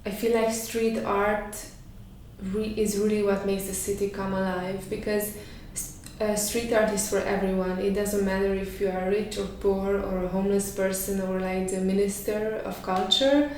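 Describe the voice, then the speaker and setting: An artist in residence from Romania, whose first language is Hungarian, gives reflective interview answers, thinking aloud in a flat, even tone with hesitant pauses and soft fillers. Her mid-range voice echoes through a very reverberant room from some distance off the mic, over faint noise.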